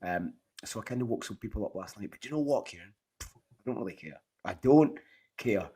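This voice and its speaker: A Scottish man with a hoarse, half-lost voice, chatting casually and enthusiastically as host of a fantasy football show. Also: fairly low pitch, expressive, a little fast, warm tone. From Scotland. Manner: matey, rambling, enthusiastic. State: hoarse, voice partly lost from shouting. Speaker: podcast host.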